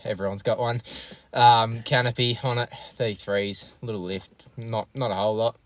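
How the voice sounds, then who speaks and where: A man's voice: mid-range voice, steady tone, moderate pace, no room sound. A man with an Australian accent in casual chat, brief and matter-of-fact.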